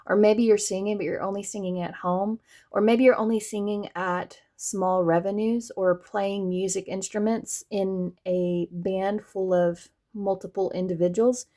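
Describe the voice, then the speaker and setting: Warm and steady, this tarot reader's medium-pitched voice moves a little slowly with few pauses. She's from the Southern US with a light accent, chatting straight to her viewers and laughing frequently.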